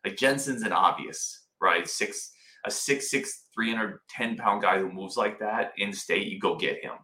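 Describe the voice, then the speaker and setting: A man with a lowish, forceful voice hosts a casual sports show from inside a wooden cabin. He talks informally and with enthusiasm, and the room adds clear echo around his words. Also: a little slow. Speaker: sports podcast host. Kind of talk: casual sports commentary to live viewers. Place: indoors in a cabin. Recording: roomy indoor cabin echo.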